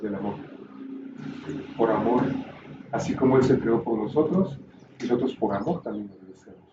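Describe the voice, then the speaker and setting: A man teaching a Bible class, explaining calmly and tossing in rhetorical questions, recorded from a distance in a roomy space. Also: lowish voice, normal speed, highs cut off, background noise.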